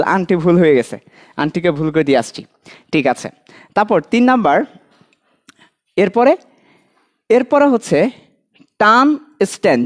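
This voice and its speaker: A teacher with a Bangladeshi accent giving an online admission-prep chemistry lesson. The teacher repeats key points, quizzes students directly and adds light jokes. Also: medium pitch. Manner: light joking asides.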